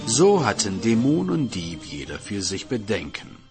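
Man, storyteller, folk tale narration, lively pitch, lowish voice. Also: unhurried, over music.

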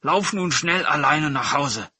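A man's voice: fairly high pitch, lively intonation, unhurried, bright, forceful tone, slightly rough, no room sound, voice pushed up, full character voice. A man doing a big, gullible tiger. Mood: curious. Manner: wondering, emotional. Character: big male tiger, hungry yet gullible and soft-hearted.

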